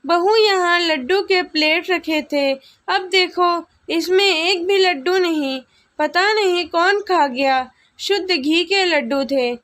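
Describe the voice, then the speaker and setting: A woman voicing a bossy, nagging older mother-in-law in a storybook tale, with a very high, slow voice. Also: a bit bright, heavily acted. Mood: scolding.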